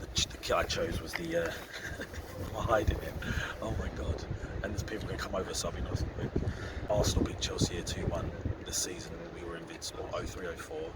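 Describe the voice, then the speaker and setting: A young man, vlogging casually in a hurried, chatty way outside, sometimes half-whispering. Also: deep voice, fairly even intonation. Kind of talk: casual vlog to camera. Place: outdoors by busy city streets. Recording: loud traffic and street noise.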